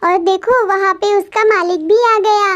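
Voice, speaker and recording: A narrator giving an excited play-by-play of a cartoon, exclaiming in surprise and talking to the characters on screen. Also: extremely high pitch, moderate pace.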